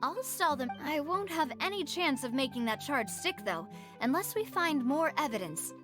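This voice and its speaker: A woman playing a spirited, determined young lady detective in a video game, animated and decisive. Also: high-pitched, moderate pace. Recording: music behind the voice.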